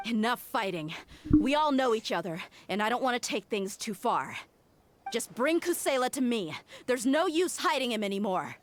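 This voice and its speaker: Dehya: a blunt, tough mercenary. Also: female voice, fairly high pitch, sing-song, normal speed, a little hiss or hum. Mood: firm. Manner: commanding, threatening. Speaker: game character, a mercenary. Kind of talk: video game voice acting. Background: game music.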